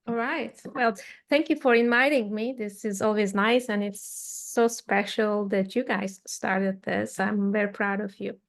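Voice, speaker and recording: A woman's voice: medium pitch, steady tone. A woman, speaking thoughtfully as a panelist in a discussion. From Turkey. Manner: slow, thoughtful, many uh fillers.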